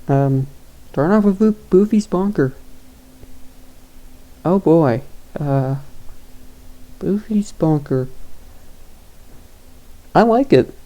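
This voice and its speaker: A man's voice: on the high side, mellow, clear, resonant tone. A young man giving casual tier-list commentary, rambling and hesitant with lots of fillers and chuckles. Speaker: YouTuber ranking games.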